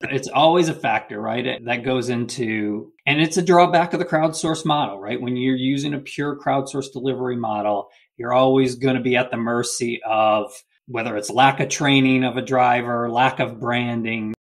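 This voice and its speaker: A man's voice: mid-range voice, fairly even intonation, moderate pace, hardly any pauses. A man speaking as a logistics executive guest in an interview, explaining steadily and often adding a questioning "right?". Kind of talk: business interview.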